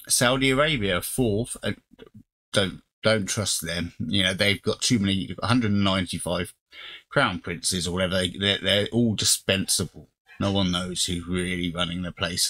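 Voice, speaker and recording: A man's voice: sits low, sharp tone. A man hosting an opinionated solo monologue, talking off the cuff with frequent restarts and fillers. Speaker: host.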